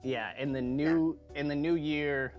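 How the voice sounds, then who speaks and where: A man's voice: on the high side, steady tone, measured pace, highs cut off, soft background music. A man hosting a live-streamed tabletop game show, chatting casually and reading sponsor spots in a loose, rambling way with lots of fillers. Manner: loose, rambling, with many fillers and self-corrections. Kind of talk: casual chat and sponsor reads.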